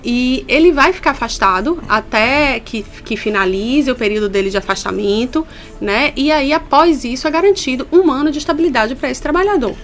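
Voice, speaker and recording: A woman's voice: sits high, lively intonation, brisk, faint music behind. A woman from Brazil, a labor inspector, explaining things earnestly in a radio studio interview. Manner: explanatory, earnest, stresses key points.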